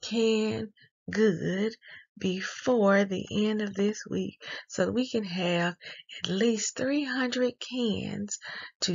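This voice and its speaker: Female school announcer, unhurried and deliberate, reading morning notices from a script on a slightly dull recording. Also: medium pitch, creaky.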